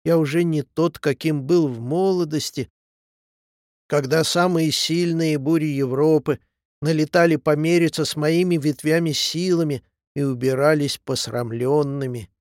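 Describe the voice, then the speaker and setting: A man's voice: fairly high pitch, fairly even intonation, moderate pace, a little mellow, no room sound, studio quality, close to an everyday voice. A man voicing a tired ancient hill in a storybook, mournful and proud of its past. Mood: wistful. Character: weary ancient hill with frail old roots.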